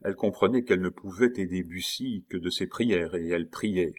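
Deep-voiced male audiobook narrator. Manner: steady, measured storytelling. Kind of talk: audiobook reading of a classic novel.

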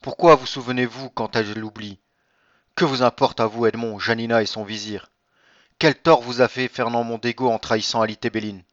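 A man's voice: medium pitch, fairly even intonation, a little fast, dry recording, close to an everyday voice. A man reading an audiobook, voicing an anguished noble mother who pleads with emotion. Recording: dull lo-fi dry recording.

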